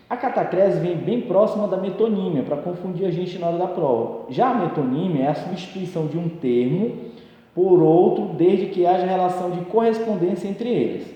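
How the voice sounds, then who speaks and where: A man with a slightly high, dark-toned voice teaches an exam-prep grammar lesson, explaining each term through examples and leaning on fillers like "então" and "né." The room is echoey, with a long reverb.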